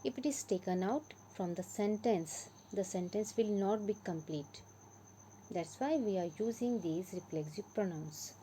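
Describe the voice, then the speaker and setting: A woman's voice: medium pitch, unhurried, warm tone, a little hiss or hum, poor audio. A woman with an Indian English accent teaching a grammar lesson, patiently repeating and stressing example words.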